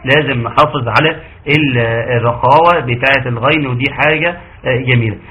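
A man with an Egyptian Arabic accent teaching Quran recitation rules, asking the class rhetorical questions and modeling verses slowly. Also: medium pitch, bright, forceful tone. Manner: quizzes listeners with rhetorical questions. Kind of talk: tajweed lesson correcting students. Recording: dull lo-fi audio, faint background noise.

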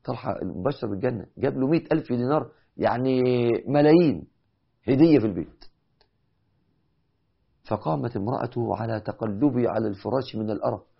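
A man's voice: mid-range voice, very fast, vocal fry, husky. A man with an Egyptian Arabic accent preaching an impassioned sermon, building to emphatic peaks. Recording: dull lo-fi recording.

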